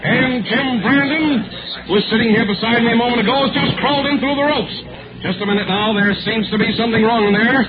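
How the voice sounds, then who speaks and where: An actor playing an excitable ringside boxing announcer in a 1940s style radio drama, calling fights in punchy blow-by-blow phrases. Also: male voice, extremely high pitch, a little fast, very noisy. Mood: tense, urgent. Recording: dull old radio recording, loud music.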